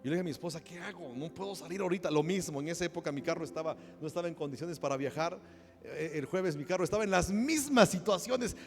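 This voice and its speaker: A man from Mexico, a pastor delivering a sermon, who moves from a quiet personal story to loud, impassioned preaching. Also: a little high, fast talker, faint music behind.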